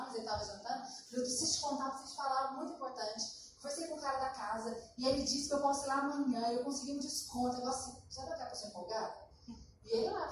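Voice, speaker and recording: High-voiced woman preaching in echoey hall. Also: a little hiss or hum. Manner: animated storytelling, acting out dialogue. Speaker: pastor. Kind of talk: sermon with personal story. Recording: echoey church hall from far off.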